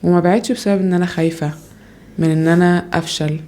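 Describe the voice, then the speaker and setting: A young Egyptian woman talks at a rapid clip in a rambling, self-doubting monologue at home. Her voice sits low and mellow and barely rises or falls. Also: fairly even intonation. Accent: Egyptian Arabic. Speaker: podcaster, mother. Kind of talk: casual personal monologue.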